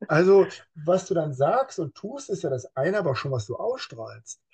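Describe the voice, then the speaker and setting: Husky, slightly high-voiced man. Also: normal speed. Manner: lively, acts out quoted speech in other voices; explains with everyday examples. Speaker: police officer as interview guest. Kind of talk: casual interview talk.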